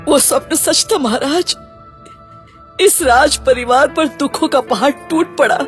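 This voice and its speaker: A woman's voice: high-pitched, unhurried. A woman playing a frightened, grieving queen. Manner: fearful, pleading, tearful. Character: anxious, grieving queen, wife of a king. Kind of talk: audio drama acting. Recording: music bed underneath.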